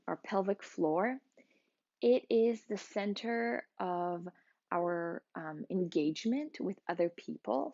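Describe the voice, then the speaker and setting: A woman with a lowish voice and plenty of vocal fry talks to the camera as a wellness practitioner. She explains a grounding exercise informally, in short conversational phrases with pauses. The recording is dull and slightly muffled. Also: darkish tone. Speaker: energy healing practitioner giving a wellness exercise.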